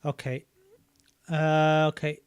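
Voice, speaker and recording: A man casually reading a book aloud and commenting on it, thinking out loud as he looks things up. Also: a little high, completely flat delivery, slow pace, clear, resonant tone, no room sound. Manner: thinking aloud while searching maps and videos, loose and chatty.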